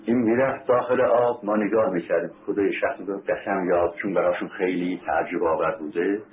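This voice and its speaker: A man preaching a sermon as a story, repeating phrases for emphasis, asking his listeners rhetorical questions and reciting Arabic scripture. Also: low voice. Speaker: religious preacher. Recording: tinny phone-like recording with faint hiss.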